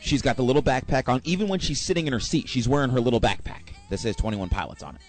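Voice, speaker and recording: Animated man telling a rambling story. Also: medium pitch, racing, faint music behind. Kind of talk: casual anecdote.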